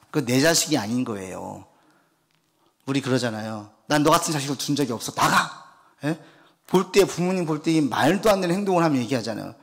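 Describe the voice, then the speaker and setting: A man preaching a weekday sermon as a pastor, moving between animated, acted-out lines and a soft, quiet plea to pray. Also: mid-range voice. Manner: animated preaching, acts out God's and parents' lines; drops to soft, quiet delivery when urging prayer. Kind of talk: Wednesday sermon, Bible exposition.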